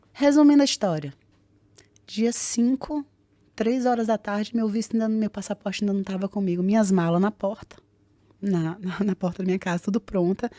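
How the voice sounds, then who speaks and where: A woman's voice: mid-range voice, no echo. A woman, telling a personal story as a podcast guest, acting out the dialogue. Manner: animated, acts out dialogue in quick voices. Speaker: guest, jiu-jitsu fighter.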